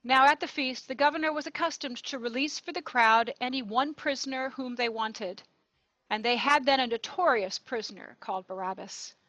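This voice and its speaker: A woman narrating a gospel reading in a church service, clear and measured. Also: high voice, a bit bright, dry recording, poor audio. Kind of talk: liturgical scripture reading.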